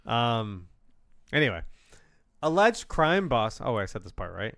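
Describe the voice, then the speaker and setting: A man's voice: mid-range voice, sing-song, a little slow, creaky, fairly bright tone, dry recording, studio quality. A young man co-hosting a casual film-review podcast, chatty with lots of fillers, reading plot summaries aloud. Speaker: podcast co-host.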